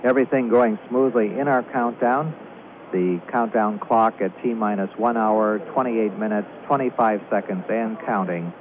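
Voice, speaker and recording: A man giving measured, explanatory countdown commentary as a launch control commentator, hesitating as he goes. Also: on the low side, steady tone. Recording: tinny phone-like line, faint noise.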